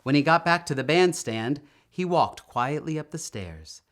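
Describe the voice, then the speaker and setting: A man reads a children's story aloud, expressive and deliberate like a storybook reader. His voice sits on the high side.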